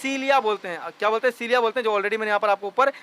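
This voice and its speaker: A man's voice: high voice, racing, bright, forceful tone, clean tone. A young man teaching biology from a diagram, often checking if students have understood. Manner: keeps asking if students understand. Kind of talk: classroom lecture over a drawn diagram.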